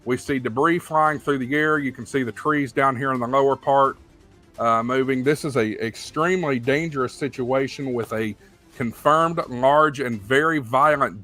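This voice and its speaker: A man's voice: medium pitch, bright, forceful tone. A man hosting a livestream, giving live storm-tracking commentary in an urgent, emphatic, repetitive manner. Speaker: livestream host.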